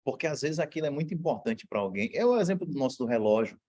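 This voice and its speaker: A man's voice: mid-range voice, animated, fast, darkish tone, poor audio. A man from Brazil, a law professor, giving a university lecture in a casual, slangy way with anecdotes. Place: lecture room.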